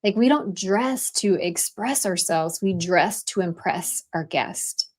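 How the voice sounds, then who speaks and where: A woman's voice: fairly low pitch, expressive, takes it slowly. A woman co-hosting a business podcast who speaks emphatically and repeats key points for effect. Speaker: podcast co-host. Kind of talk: casual business podcast chat.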